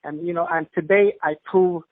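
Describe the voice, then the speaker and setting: A man's voice: on the high side, fairly even intonation, moderate pace, dry recording. A man calling in on a phone line to give a fervent, emotional testimonial, with repeated emphatic phrases. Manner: fervent, repetitive, preacher-like emphasis. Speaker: caller giving a testimonial. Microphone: telephone.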